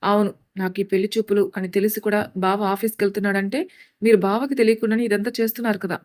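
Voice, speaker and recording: A woman's voice: medium pitch, little pitch movement, darkish tone, natural voice. A woman voicing a mischievous, stubborn young woman in a storybook. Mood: cheeky. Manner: cheeky, quick retorts.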